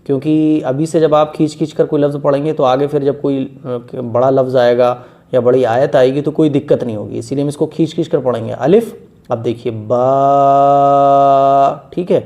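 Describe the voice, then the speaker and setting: A man's voice: on the high side, dark tone. A man teaching a beginners' Quran reading lesson, explaining letter sounds patiently and stretching each letter long in one breath.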